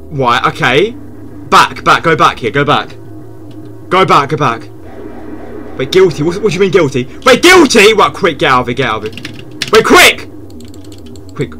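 A man's voice: mid-range voice, pushed and bright. A man streaming a game live in casual chat, jumpy and repeating himself, yelping when startled.

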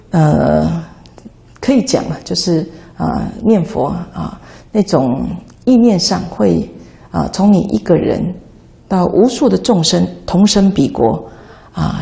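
A woman's voice: on the low side, creaky, dark tone. A woman, a Buddhist nun, giving a patient, instructive dharma talk on how to chant.

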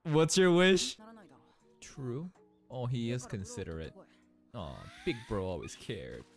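A young man in his twenties giving excited reaction commentary from a small room, close to a boom mic, laughing and breaking into shouts. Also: takes it slowly, faint music behind. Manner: animated, laughing, shouts in bursts. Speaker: anime reaction streamer. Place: small room indoors, in a gaming chair. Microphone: studio mic on boom arm, close.

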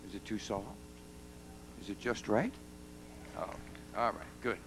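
A man's voice: on the low side, normal speed, noisy background. A man, a singer-songwriter, trading folksy, teasing banter with a live audience. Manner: folksy, teasing, talks to the crowd and kids. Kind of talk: joking stage banter with the audience. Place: live concert venue.

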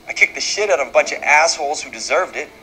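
A defiant middle-aged karate brawler shrugs off the accusation in a flat, unapologetic tone. His voice is bright and slightly raised in pitch. The line comes from a television drama. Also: fast, slight background noise, rough recording. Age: 50s.

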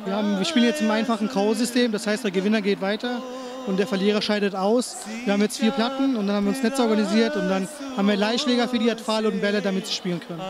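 Fast-talking male organizer, high voice. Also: fairly even intonation. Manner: quick, matter-of-fact explaining. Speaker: tournament organizer. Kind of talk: answering an interview. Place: large indoor sports hall. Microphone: handheld mic held by interviewer. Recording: crowd chatter in a big hall.

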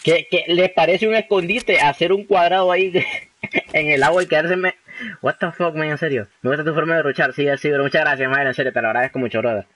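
A man's voice: fairly high pitch, fairly quick, a bit bright. A young man from Honduras streaming a game live, chatting with viewers and tossing in English phrases. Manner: chatty, reads chat aloud, slangy, mixes in English phrases. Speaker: livestreaming gamer. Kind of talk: casual live gameplay commentary.

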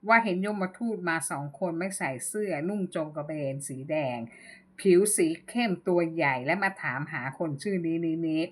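A woman narrating a ghost story as host, in a measured, unhurried reading. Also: lowish voice.

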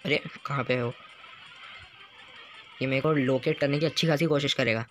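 A man giving live commentary over his mobile game, excitable, groaning and shouting at what happens on screen. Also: medium pitch, moderate pace, soft background music. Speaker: gaming YouTuber.

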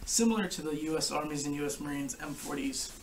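A young man giving a casual, informal product review to camera, explaining things in a halting way. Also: on the high side. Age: young adult. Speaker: gas mask collector and reviewer. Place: living room couch, indoors. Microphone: camera a short distance away. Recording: distant camera mic with background noise.

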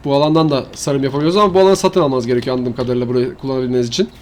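A man's voice: mid-range voice, steady tone, very fast, darkish tone. A man giving rambling, slangy commentary while showing a farming game map to his viewers. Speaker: gaming channel host. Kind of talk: casual gameplay commentary.

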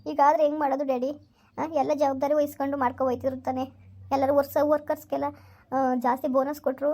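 Brief: young woman, high flat fast delivery, distressed daughter begging her dad for help in a village family drama. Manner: pleading and upset.

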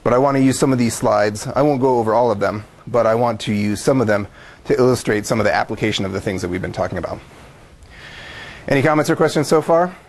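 A man's voice: medium pitch, fast. A man, a university professor, giving a methodical lecture to a class and laying out his points step by step.

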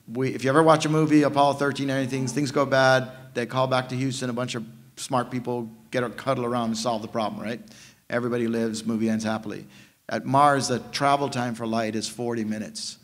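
A man in his fifties, from Jamaica, speaking on a conference panel into a table mic, animated and prone to restarting his sentences. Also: mid-range voice, brisk. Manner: animated storytelling with frequent restarts. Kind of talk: panel discussion. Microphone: table mic on stand.

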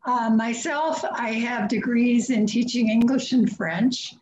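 An older woman with a fairly high voice speaks in a friendly, conversational way as she introduces herself. The sound is echoey, with a faint hum of room noise from a video call. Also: steady tone, takes it slowly, darkish tone. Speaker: program chair. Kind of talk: introducing herself at a reading event.

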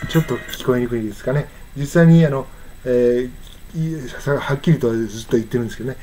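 A man's voice: mid-range voice, warm tone, faint music behind. Japanese man teaching pronunciation. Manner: explains slowly, then sings and says English lines very slowly. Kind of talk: casual spoken lesson. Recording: faint background noise.

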